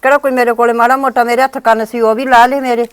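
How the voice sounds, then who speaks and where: A woman's voice: fairly high pitch, little pitch movement, quick pace, no echo, lightly acted. A woman playing a wailing old village mother-in-law. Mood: aggrieved. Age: older. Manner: lamenting, complaining, appeals to God. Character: aging rural mother-in-law, sick and aggrieved. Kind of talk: village short-drama acting.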